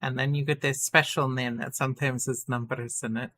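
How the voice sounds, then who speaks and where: A woman's voice: rumbling low, flat delivery, fairly quick, a bit bright. A woman playing a tabletop role-play game, explaining in character.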